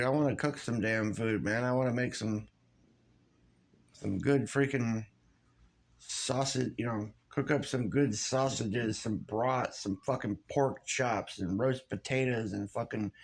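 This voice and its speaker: Rambling, foul-mouthed guy venting into his camera in an everyday mid-range voice. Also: medium pitch. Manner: profane, rambling, loose and frustrated. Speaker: vlogger. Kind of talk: casual rant to camera.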